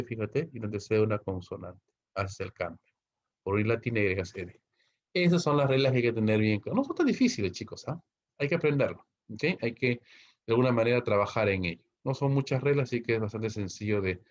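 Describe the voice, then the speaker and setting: A man's voice: on the low side, dull audio. A man teaching an English grammar class, explaining step by step and checking in with the students after nearly every line. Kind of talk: online class lecture.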